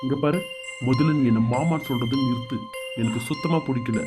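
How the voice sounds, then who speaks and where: A man's voice: medium pitch, brisk, over music, lightly acted. A man voicing a stern, angry male in-law with a Bangalore Tamil accent, scolding harshly and dismissively in a cartoon serial.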